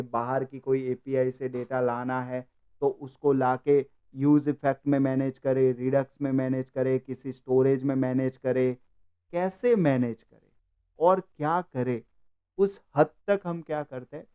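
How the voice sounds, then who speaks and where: A man's voice: medium pitch, mellow, clear, resonant tone, rough recording. A man who runs a coding course, explaining his training while walking through projects on his screen. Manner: persuasive, explaining. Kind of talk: screen-share walkthrough.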